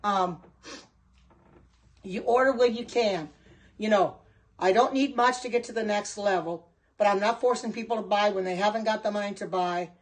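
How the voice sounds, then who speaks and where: Here the Oregon livestream host, a middle-aged woman selling kitchen products, casually works through viewer comments, reading and replying as she goes. Her voice sits at medium pitch with a normal speed and frequent pauses, over poor audio.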